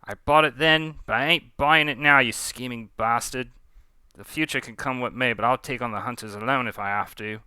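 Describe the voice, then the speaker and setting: A man acts out a swaggering female pirate captain in a storytelling performance, brash and vengeful. The accent is a rough Cockney drifting toward Australian. The sound is crisp, bright and close. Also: medium pitch, moderate pace, no echo. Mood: scornful, menacing. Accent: attempted Cockney, slipping toward Australian. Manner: brash, menacing, salty slang.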